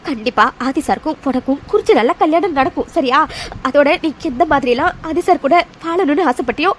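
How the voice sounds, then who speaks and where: A woman's voice: high-pitched, slight background noise. A woman voicing a caring young female friend in a cartoon, who coaxes and reassures in a soothing way. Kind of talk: animated cartoon dialogue.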